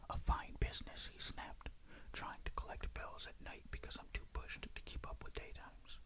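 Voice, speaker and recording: A storyteller reading a ghost story in a breathy, hushed, suspenseful whisper, in ASMR style. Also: normal speed.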